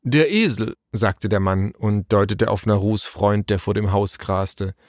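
Male storybook narrator, steady and clear, dry close sound. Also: fairly low pitch, unhurried, no echo.

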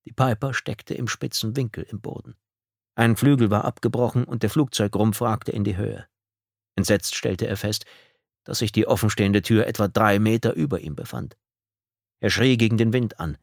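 Male audiobook narrator, lowish voice, steady and measured, dry close-miked studio sound. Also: vocal fry, no room sound. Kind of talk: scripted narration.

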